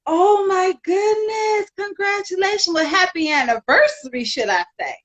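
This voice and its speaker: A woman's voice: very high-pitched, lively intonation, moderate pace, a bit bright. A woman hosting a casual live-stream podcast interview, chatty and upbeat, laughing often. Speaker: podcast host.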